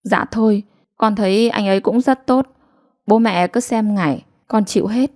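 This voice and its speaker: A woman voicing a beaten, despairing young village woman whose speech turns high and pleading. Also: normal speed, darkish tone, lightly acted. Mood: resigned. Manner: pleading and broken, high-pitched cries.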